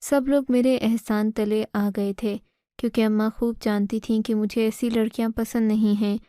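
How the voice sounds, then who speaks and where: A woman narrates a first-person moral story with a steady, even delivery. Her voice sits fairly high yet sounds mellow and soft-edged, and it is recorded dry and close with no room sound. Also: no room sound.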